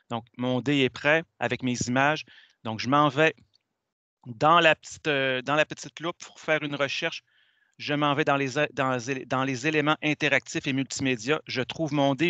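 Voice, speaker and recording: A man, walking through a software tool step by step in a methodical teaching tone. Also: mid-range voice, no echo. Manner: methodical, step-by-step, many "donc" fillers. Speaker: teacher presenting a software tutorial. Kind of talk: screen-share tutorial walkthrough.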